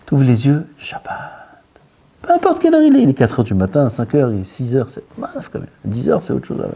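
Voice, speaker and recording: Animated rabbi, dark voice. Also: male voice, mid-range voice, quick pace, gravelly, breathy edge. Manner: animated, dropping to near-whispers and rising again; mixes Hebrew terms into French. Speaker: rabbi giving a Torah talk. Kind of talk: sermon.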